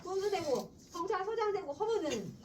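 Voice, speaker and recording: A stingy old grandfather nags and boasts in a drawling, old-fashioned way, as a woman teacher puts him on. The voice climbs high and swings widely. It sounds caught from across a room with a faint hiss behind it. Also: sing-song, moderate pace, recorded from a distance. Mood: scolding. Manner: nagging, bossy, drawling old-fashioned speech.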